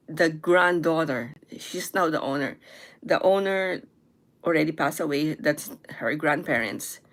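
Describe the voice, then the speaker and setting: A young woman from the Philippines, chatting casually and haltingly, often stopping to search for words and correct herself. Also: fairly low pitch. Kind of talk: casual chat.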